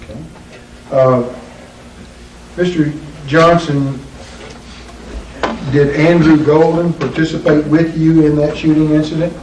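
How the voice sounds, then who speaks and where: A male attorney heard on a courtroom-style deposition recording, his voice mellow and dark in tone. He asks formal questions slowly and deliberately, often pausing on "uh". The room is echoey, the mic sits some way off, and a faint hiss runs underneath. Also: on the high side, flat delivery. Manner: deliberate, measured, with frequent "uh" pauses. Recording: roomy echo, distant mic, faint hiss.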